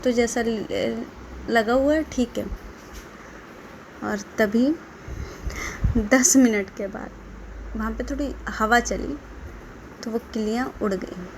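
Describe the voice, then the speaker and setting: A woman's voice: on the high side, takes it slowly, long pauses, slight background noise. A woman casually retelling a drama plot, chatting along and laughing at the funny parts. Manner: chatty, quotes characters, breaks into laughter.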